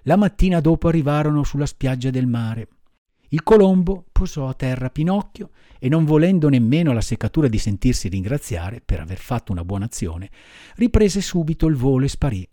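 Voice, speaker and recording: Expressive male storybook reader. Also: mid-range voice, no room sound, clean studio sound. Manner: expressive, measured reading. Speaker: audiobook reader. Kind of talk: scripted storybook narration.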